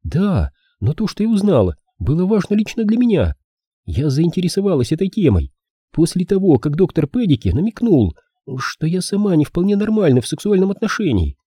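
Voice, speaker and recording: A man voicing a desperate nineteen-year-old woman in an audiobook, high and pleading. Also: very animated, brisk, warm tone, husky, no room sound, studio quality, full character voice. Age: young adult.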